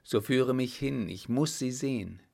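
Picture a composed, watchful gentleman in disguise who asks his questions steadily and slowly, as a man reads him in an audiobook. The voice has a gravelly, creaky edge and takes its time. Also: mid-range voice. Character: calm, watchful man posing as a doctor.

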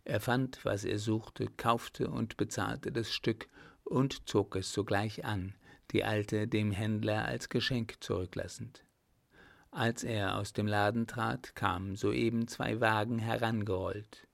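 A man reading a novel aloud as narrator, in measured, even storytelling. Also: on the low side, vocal fry, dry recording. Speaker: audiobook narrator. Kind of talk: scripted narration.

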